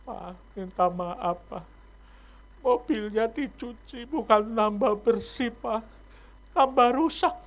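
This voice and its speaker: A male preacher voicing a small boy who pleads slowly and timidly for forgiveness. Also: very high-pitched, heavily acted. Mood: pleading. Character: small boy, scared and sorry.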